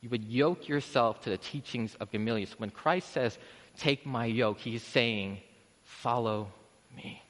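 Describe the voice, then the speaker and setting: Conversational preacher in a reverberant church. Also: male voice, medium pitch, normal speed, fairly bright tone. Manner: conversational, self-interrupting, rising to emphatic peaks. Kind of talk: sermon. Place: church sanctuary. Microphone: podium microphone.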